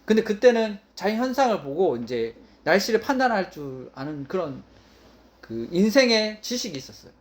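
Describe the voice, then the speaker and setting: A man preaching a sermon as pastor, his voice pitched high and swinging widely up and down. He leans hard on his points and repeats key phrases for emphasis. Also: big pitch swings, normal speed.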